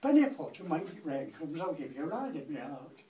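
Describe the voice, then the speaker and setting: A man's voice: a little high, sing-song, fast, warm tone, a little hiss or hum. An old man playing haggling old Noah. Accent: Lancashire. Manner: bargaining, coaxing. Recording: echoey room, distant mic.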